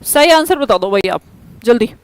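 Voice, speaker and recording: A woman teaching English grammar in an online class, briskly pushing students to answer quickly. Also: fairly high pitch, lively intonation, clean tone, no echo, rough recording.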